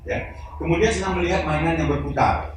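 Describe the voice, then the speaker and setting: A man's voice: a little high, fast. Joking male seminar speaker in an echoey hall. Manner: joking, addresses audience directly, acts out examples. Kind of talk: live seminar talk to an audience. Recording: echoey hall, voice from far off, noisy.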